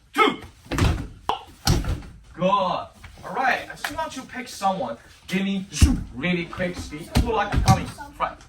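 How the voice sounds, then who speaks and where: A martial arts instructor teaching a kids' kung fu class, counting and giving short commands and encouragement, with loud music over the voice. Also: mid-range voice, echoey room, far from the mic, very noisy.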